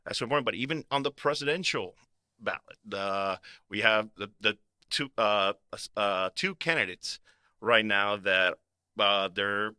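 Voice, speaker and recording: A man's voice: lowish voice, measured pace, sharp tone, smooth, dry recording. A man born in Puerto Rico and raised in Florida, co-hosting a podcast, talking in an earnest way and often restarting his sentences. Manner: earnest, restarts and repeats words. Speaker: podcast co-host. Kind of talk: conversational advocacy discussion.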